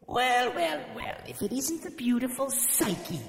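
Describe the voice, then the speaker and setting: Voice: medium pitch, big pitch swings, unhurried, creaky, reverberant, big-room sound, pitched above the performer's own voice. A storyteller voicing a haughty, scornful goddess who talks down to a mortal. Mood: mocking. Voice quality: mocking, condescending. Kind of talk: storytelling podcast voice acting.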